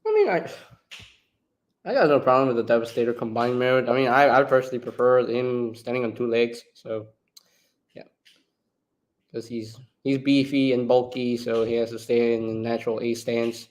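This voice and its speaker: A man's voice: mid-range voice, normal speed. A man hosting a live discussion, talking casually in a laid-back way and breaking into laughter easily. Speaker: channel host.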